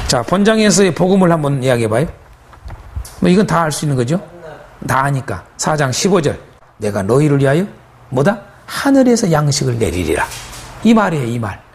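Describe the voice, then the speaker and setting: A man's voice: a little high, sing-song, fairly quick, slight background noise. A male pastor preaching a sermon, emphatic and repetitive, asking his listeners rhetorical questions.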